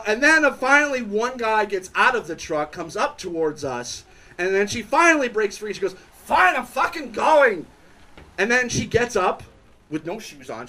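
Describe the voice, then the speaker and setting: A man's voice: high-pitched, pushed and bright, poor audio. A young man doing stand-up storytelling at a live bar show, rambling and self-interrupting. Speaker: stand-up comedian.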